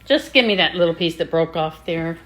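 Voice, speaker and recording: A woman's voice: fairly low pitch, animated, fairly quick, a bit bright, slight background noise. A woman co-hosting a home cooking show, playful and encouraging as she shows off a kitchen tool. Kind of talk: casual cooking chat.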